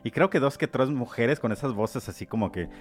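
A man's voice: mid-range voice, fairly quick, faint music behind. A Mexican man co-hosting a show, in casual crude banter, slangy and laughing often. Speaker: podcast co-host.

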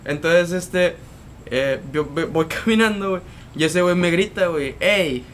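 A young Mexican podcast co-host tells a street story in casual chat, slangy and repetitive, tagging lines with "güey." His voice is high at normal speed, with a little hiss or hum.

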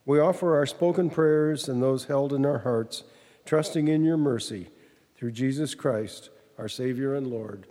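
Mellow man reading prayer in reverberant church. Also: mid-range voice, measured pace. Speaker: worship prayer leader. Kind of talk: formal read prayer. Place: large church.

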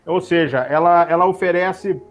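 A middle-aged man, a former airline pilot telling stories in a relaxed interview, using many tag questions. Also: high-pitched, normal speed, soft background music. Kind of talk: casual interview chat.

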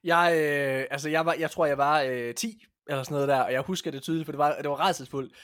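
Man, casual podcast chat, high bright voice, animated storyteller. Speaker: podcast co-host.

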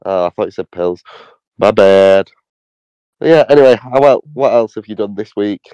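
Young co-host, dark mellow voice, blunt sweary banter, dry lo-fi recording. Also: male voice, lowish voice, moderate pace, smooth, no echo. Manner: blunt, jokey interjections with swearing. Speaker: podcast co-host. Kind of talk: casual chat. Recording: slightly dull, lo-fi mic.

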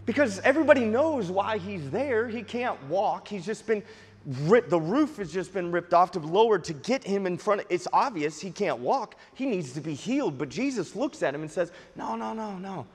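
A man preaching as a pastor, telling a story and varying his pace and loudness for emphasis. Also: high-pitched, lively intonation, normal speed, breathy edge, in a large hall. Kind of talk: sermon.

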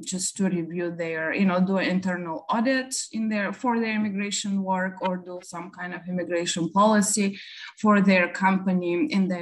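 A woman from Bulgaria speaking in a slightly low register as a guest attorney on a podcast. Her talk is loose and halting, full of fillers and small restarts. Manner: hesitant, many fillers, laughs lightly. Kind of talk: casual interview answers.

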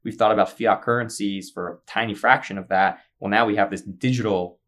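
Man, low-pitched podcast co-host, eager explainer with lots of "like" and "um". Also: steady tone, brisk, fairly bright tone. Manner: enthusiastic explaining with frequent fillers. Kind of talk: casual podcast chat.

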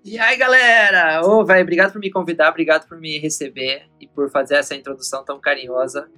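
A man from Mexico, a musician guest talking about his music from his home in a busy city centre, in a lively, self-deprecating way. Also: on the high side, fast. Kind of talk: casual interview.

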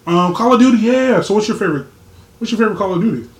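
A man's voice: high-pitched, lively intonation, rapid-fire, slight background noise. A young man co-hosting a casual podcast chat, laughing often and acting out the voices in his stories. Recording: echoey room with faint ambience.

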